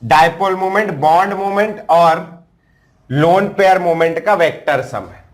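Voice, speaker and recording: Animated male tutor. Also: unhurried. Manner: animated storyteller, voice jumps higher when exasperated. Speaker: chemistry tutor. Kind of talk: storytelling aside in a lecture.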